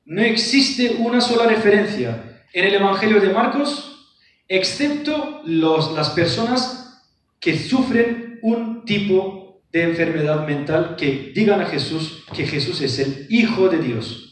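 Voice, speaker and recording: In a lecture room, a man presenting a book lectures on scripture, reading verses aloud and unpacking them with rhetorical questions. His voice is high, expressive, and slow. He sounds distant from the mic in a very echoey hall.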